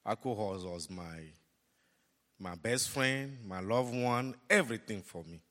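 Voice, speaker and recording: Older guy with a togolese accent giving church testimony, kinda low voice, halting and emphatic, big echoey hall. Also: lively intonation, bright, forceful tone. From Togo. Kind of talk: personal testimony before a congregation. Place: large church hall, on stage. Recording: reverberant large hall.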